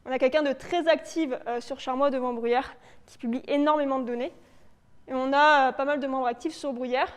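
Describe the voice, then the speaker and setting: A woman whose voice sits high and smooth presents slides informally for a local authority biodiversity project, explaining hesitantly and improvising loosely. She holds a steady tone at normal speed. The live audience session is in a reverberant indoor meeting room with a long reverb tail.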